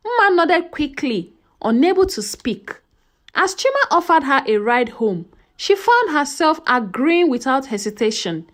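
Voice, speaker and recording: At a measured pace and in a high-sitting voice, a woman narrates a folktale as a scripted story, delivering it expressively and dramatically.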